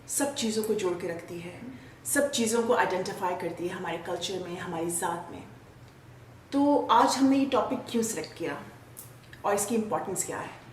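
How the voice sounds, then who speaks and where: A woman's voice: fairly low pitch, a little hiss or hum. A woman hosting a casual panel discussion, asking questions and mixing English words into her Urdu. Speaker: host. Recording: roomy, distant mic, faint ambience.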